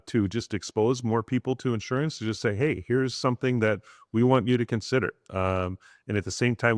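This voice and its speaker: A man's voice: lowish voice, no echo, clean studio sound. A man co-hosting an insurance agency podcast, talking casually with lots of fillers and restarts. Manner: rambling, many fillers and restarts.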